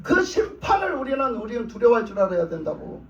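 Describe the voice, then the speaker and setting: A high-pitched male pastor preaches, often asking his congregation questions and answering them himself. He is recorded from a distance in a roomy church, and the sound is somewhat dull. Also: big pitch swings, a little fast. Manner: plain conversational speech with repeated phrases. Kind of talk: sermon. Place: church sanctuary.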